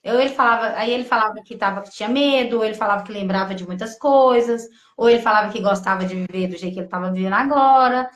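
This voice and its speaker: A woman from gives an emotional personal testimony, halting and full of restarts as she quotes her own thoughts. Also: mid-range voice. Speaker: testimony guest. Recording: echoey room.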